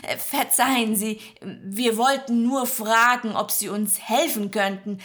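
A woman's voice: a little high, steady tone, a little slow, a bit bright. A woman voicing a hesitant young man, an expectant father, who stammers and apologizes. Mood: apologetic.

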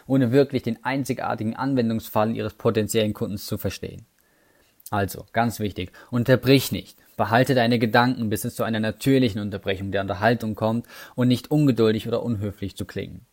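A man's voice: mid-range voice, steady tone, fairly quick, darkish tone. A man explaining sales call techniques in an instructional talk, addressing the listener directly with numbered tips and casual asides. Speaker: sales trainer.

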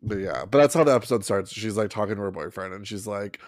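A man co-hosting a podcast, telling things in a relaxed way full of fillers. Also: on the low side, fast, no room sound, clean studio sound. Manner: relaxed, filler-heavy storytelling. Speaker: podcast co-host. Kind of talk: casual chat recap.

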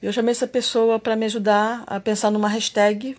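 A man with a high voice talks fairly quickly through a reflective, confessional monologue about spirituality and everyday life, growing animated whenever he gets irritated.

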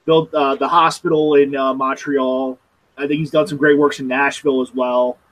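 A man's voice: medium pitch, little pitch movement, moderate pace, low-quality recording. A man co-hosting a casual hockey podcast, wry and opinionated as he breaks down plays. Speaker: podcast co-host. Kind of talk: casual sports chat.

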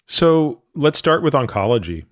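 A man hosting a podcast, asking long, winding questions softened with frequent hedges. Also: fairly high pitch, very animated, normal speed, no room sound, studio quality. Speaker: podcast host. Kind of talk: long-form podcast interview.

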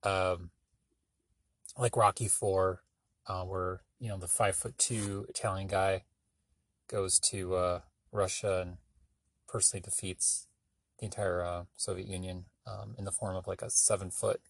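A man with a low, gravelly voice speaks in an even tone, a bit slowly, with no room sound. He's hosting his own podcast in a casual solo monologue, rambling from thought to thought with lots of filler sounds. His manner is offhand and self-deprecating.

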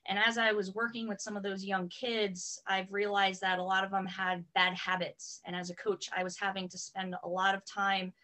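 A woman's voice: mid-range voice, moderate pace, hardly any pauses. A woman from the US East Coast, a soccer coach in her thirties or forties, talking through her career in a casual interview with many "um"s. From Connecticut, US East Coast. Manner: steady and matter-of-fact, many "um"s. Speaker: soccer coach and private trainer, podcast guest.

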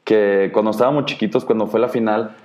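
A young Mexican man hosting a casual podcast, his speech loose and salted with slang and swearing. He tells stories in an animated way, leaning on fillers at every turn. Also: on the low side, fairly quick, highs cut off. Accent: Mexican Spanish. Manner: slangy and profane, animated storytelling with many fillers. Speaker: podcast host. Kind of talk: casual chat.

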